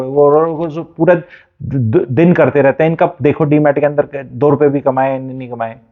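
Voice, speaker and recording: A man giving a blunt, motivational talk as a communication coach, mixing Hindi with English phrases. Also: on the high side. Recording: phone-like narrow band.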